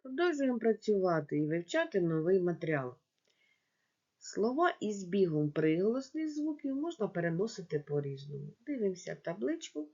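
A woman teaching young children in a video lesson, dictating words slowly syllable by syllable and speaking to the class directly. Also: medium pitch, big pitch swings, a little mellow, husky. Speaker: primary school teacher. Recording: dull lo-fi home recording.

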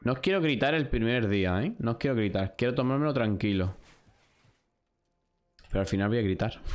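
Streaming a shooter live, a young man from Spain comments on his gameplay in a medium-pitched, lively voice that runs a bit fast, broken by long pauses. He speaks with a Spain Spanish accent, addressing himself and his chat and cursing his losses.

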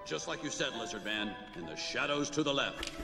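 An actor playing a pompous, fearless toy space ranger in an animated film, with a commanding military delivery. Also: male voice, medium pitch, a little fast, vocal fry, over loud music. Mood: secretive, commanding. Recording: loud film score behind.

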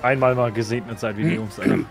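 A man's voice: medium pitch, quick pace, faint music behind. A man in casual, slangy chat with friends while gaming. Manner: slangy, animated.

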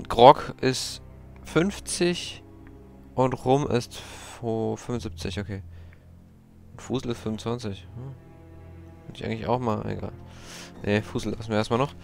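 A young man casually commenting while he plays a video game, chatty and prone to startled, high-pitched outbursts. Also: slow pace, gravelly, pauses often, darkish tone, faint music behind. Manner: chatty, exclaims and jumps to high-pitched yelps when startled. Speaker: let's play gamer.

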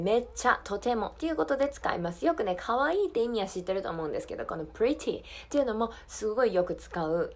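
A woman leads a language lesson in a medium-pitched voice. She speaks model phrases slowly and distinctly, then explains them briskly and repeats each drill line for listeners to copy. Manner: slow, careful model phrases and fast explanations. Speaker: English teacher.

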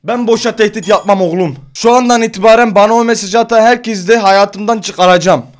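A man's voice: high voice, a little fast. A man in his twenties ranting on his vlog, exasperated and swearing, repeating himself. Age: 20s. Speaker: vlogger.

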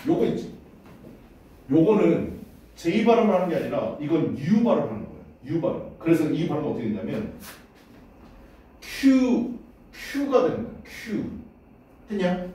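A Korean man teaching English speaks in a high, lively voice at a slightly quick pace. He's casual, drills words aloud during a pronunciation lesson and often asks "됐냐?". The recording is echoey, with him sitting far from the mic.

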